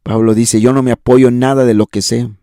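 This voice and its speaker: A man's voice: mid-range voice, flat delivery, brisk, warm tone, dry recording, studio quality. A man preaching a sermon in an emphatic, repetitive cadence with rising exclamations. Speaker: pastor.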